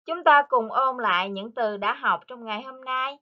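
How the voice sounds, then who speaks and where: A woman teaching English to young children, speaking slowly and carefully and repeating each word for them to copy. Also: a little high, highs cut off. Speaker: primary school English teacher. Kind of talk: online lesson for young children.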